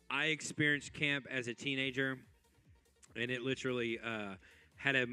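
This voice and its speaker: A youth pastor speaks earnestly and casually, full of ums and likes, in a bright, forward voice. Faint music plays underneath. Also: male voice, medium pitch, clear, resonant tone, no echo. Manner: earnest, testimony-like, with fillers. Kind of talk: casual talk during a hot wings challenge.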